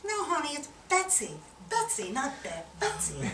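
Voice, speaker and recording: A woman voicing a sly, smooth-talking husband with a laid-back folksy drawl, recorded from afar in a roomy hall. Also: high voice, huge pitch swings, measured pace, noisy background, pitched above the performer's own voice, heavily acted. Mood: smug. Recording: roomy hall, far-off camera.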